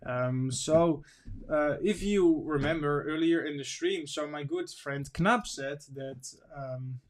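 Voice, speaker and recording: A man with a slightly raised pitch hosts a casual livestream, reading articles and viewer comments aloud as he goes. His delivery is loose and wandering, and he sounds sniffly from allergies. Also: slow. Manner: reads news and chat aloud, wandering and informal. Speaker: stream host.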